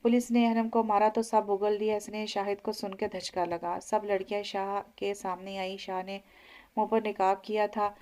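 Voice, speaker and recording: Woman narrating in an even monotone. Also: medium pitch, normal speed. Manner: frequent slips and self-corrections. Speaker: audio novel narrator. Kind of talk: audio novel reading.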